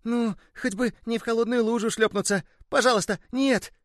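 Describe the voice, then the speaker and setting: A man voicing a small burst rubber ball that pleads in a high, tearful way. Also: fairly even intonation, normal speed, no echo, clean studio sound. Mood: pleading.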